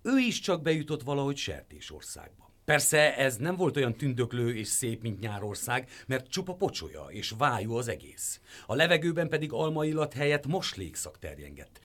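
Very animated male storyteller. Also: medium pitch, hardly any pauses. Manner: very animated, acts out voices. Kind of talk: storybook narration.

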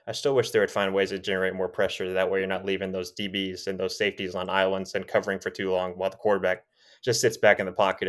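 Low-voiced male co-host, earnest casual sports talk, tends to repeat himself. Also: a bit bright. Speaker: podcast co-host.

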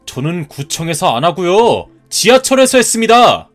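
A man's voice: high-pitched, very animated, normal speed, faint music behind. A man voicing a polite but defiant groom. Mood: pleading. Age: 30s. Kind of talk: cartoon story dub.

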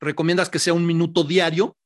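A man's voice: on the high side, level tone, brisk, crowd noise. A man hosting an interview, asking questions with frequent restarts and hesitations. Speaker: host.

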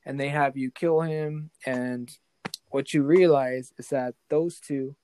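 A man's voice: medium pitch, fairly even intonation, takes it slowly, warm tone, a little hiss or hum. A man improvising a fantasy story as game master. He talks casually and keeps checking in with the player.

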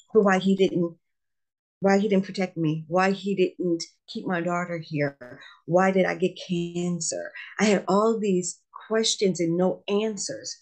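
A woman's voice: fairly low pitch, darkish tone. A middle-aged woman, a guest in an interview, speaking earnestly and emphatically about faith and loss, often repeating her phrases. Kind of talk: testimony interview.

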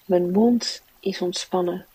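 A woman guides a relaxation exercise in a soft, soothing voice. Her tone is husky and stays level, with little rise or fall. She takes each phrase slowly. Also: on the low side, steady tone, recorded from a distance, poor audio. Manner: soft, slow, soothing guiding delivery. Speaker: mindfulness teacher and meditation guide.

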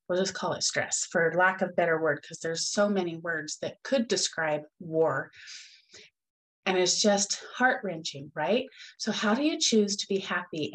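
A woman's voice: on the low side, poor audio. A middle-aged woman hosting her own podcast, talking in an earnest, upbeat, encouraging way. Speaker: podcast host. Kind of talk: solo podcast talk.

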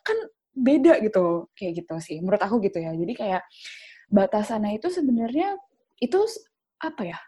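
Brief: woman panelist, dark husky voice, chatty and filler-heavy. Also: mid-range voice, very animated, fairly quick, pauses often. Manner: chatty, repeats fillers like gitu and kayak. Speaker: discussion panelist. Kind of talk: casual discussion.

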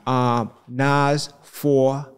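A real estate entrepreneur from Brooklyn, New York, appears as a podcast guest, talking casually in a Brooklyn accent, slangy and conversational, often saying "you know". His smooth, medium-pitched voice shows little pitch movement and is extremely slow.

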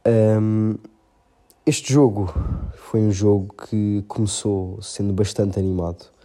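A man with a European Portuguese accent analysing a football match, his voice a little off from being slightly ill, speaking hesitantly with many filled pauses. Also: lowish voice, fairly even intonation, dark tone.

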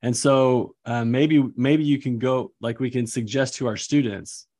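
A man's voice: mid-range voice, steady tone, unhurried, a little mellow. A man co-hosting a casual scripture teaching discussion, easygoing and filler-heavy, laughing lightly as he talks.

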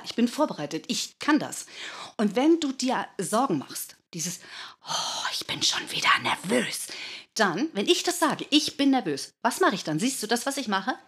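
Woman in her 50s coaching how to give talks, husky breathy voice, lively and jokey. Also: mid-range voice, brisk. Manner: lively, demonstrative coaching with playful asides. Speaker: speaking coach. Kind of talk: instructive advice in a talk show. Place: studio.

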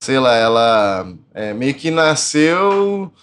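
A man's voice: mid-range voice, big pitch swings, takes it slowly, a bit bright, smooth. A man with a Brazilian Portuguese accent hosting a casual podcast, slangy and laid-back. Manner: slangy, laid-back, lots of mano and velho. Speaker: podcast host.

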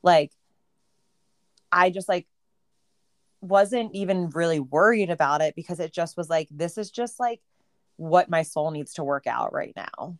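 Woman, low-pitched, dry recording, casual spiritual chat, lots of fillers. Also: animated, measured pace, long pauses, dry recording. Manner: reflective, heavy use of "like". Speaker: podcast co-host.

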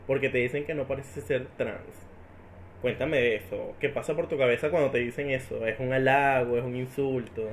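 A man's voice: medium pitch, steady tone, normal speed, slight background noise. A man hosting a podcast, asking open questions and affirming his guest's points. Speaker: podcast host. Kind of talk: casual podcast interview.

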